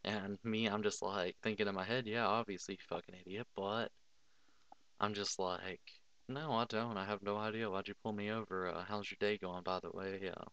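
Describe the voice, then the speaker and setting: A man's voice: lowish voice, fairly bright tone, clear, resonant tone, no room sound. A young man giving casual, blunt advice over a screen recording, swearing freely and filling with "like".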